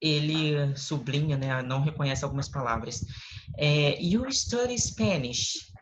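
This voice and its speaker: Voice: mid-range voice, a little slow. A Brazilian English teacher with a Brazilian Portuguese accent, patiently explaining step by step in an online lesson over a video call. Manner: patient, explains step by step, often adds tag questions. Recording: lo-fi call audio with faint noise.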